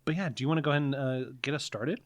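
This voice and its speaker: A man's voice: mid-range voice, racing, no echo. Joking male podcast co-host, dry sound. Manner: joking, conversational. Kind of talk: casual comic chat.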